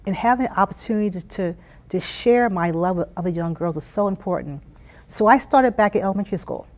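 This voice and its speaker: An expressive American woman with a medium-pitched, somewhat dark voice speaks a little fast. As a Philadelphia youth STEM program leader being interviewed, she answers conversationally, earnestly and emphatically, often repeating phrases for weight.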